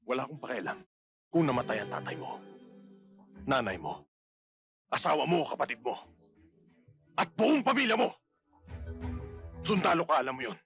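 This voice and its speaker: A harsh, unbending army officer, who speaks in curt commands. His bright voice rises and falls sharply as he gives orders, over faint film music. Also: mid-range voice, sing-song, moderate pace, long pauses. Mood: cold stern.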